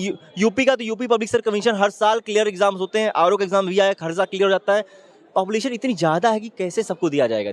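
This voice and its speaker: A man with a high voice makes his case in a street opinion interview. He talks fast and emphatically, piling point on point, and keeps urging the listener to look. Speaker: interviewee giving public opinion.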